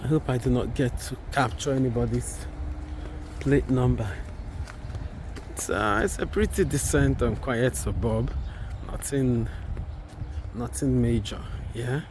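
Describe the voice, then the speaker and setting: A young adult man vlogs casually to his viewers, speaking slowly in a husky, medium-pitched voice that's hoarse from a sore throat. He's outdoors on a quiet residential estate street, with noise in the background.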